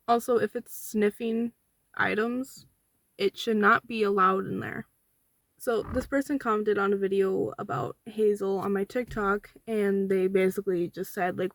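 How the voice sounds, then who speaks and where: A woman's voice: mid-range voice, a bit bright, no echo. A young woman giving casual, argumentative commentary in reply to online comments, counting off her points indignantly. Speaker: vlogger with a service dog.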